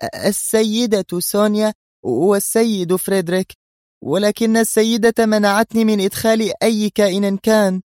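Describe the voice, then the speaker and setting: A man's voice: high voice, moderate pace, darkish tone, dry recording, clean studio sound, voice pushed up, lightly acted. A man reading a story aloud, voicing a frightened young female secretary who stammers. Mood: scared.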